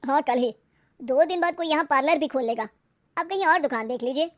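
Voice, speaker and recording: A blunt cartoon shopkeeper with a matter-of-fact way of refusing, as a woman voices him. The voice sits very high for a man. The lines come out plain and businesslike. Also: a little fast, close to an everyday voice. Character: middle-aged male shop owner, blunt and matter-of-fact.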